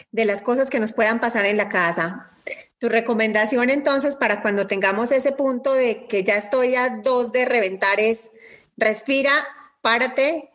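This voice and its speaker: A woman host, asking questions in a casual interview and often pausing and restarting mid-sentence. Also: on the high side. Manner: hesitant, many fillers and restarts.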